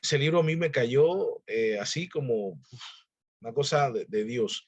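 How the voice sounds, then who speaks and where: Guy teaching a church discipleship class, husky voice, dull lo-fi recording, talks right to the people. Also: medium pitch, expressive, unhurried. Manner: earnest, exhorting listeners directly; conversational preaching.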